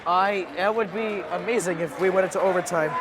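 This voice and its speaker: A man doing color commentary at a high school basketball game, reacting in excited awe. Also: brisk. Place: school gymnasium. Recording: loud crowd noise in a gym. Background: loud roaring crowd.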